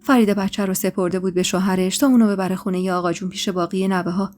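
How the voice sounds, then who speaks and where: A woman storyteller reading a dramatic first-person story in an emotional, expressive way, with faint music behind her. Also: mid-range voice. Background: faint background music.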